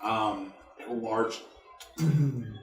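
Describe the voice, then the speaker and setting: A man's voice: on the low side, extremely slow, recorded from a distance. A man casually narrating a tabletop game as game master, improvising hesitantly. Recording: roomy echo, music behind.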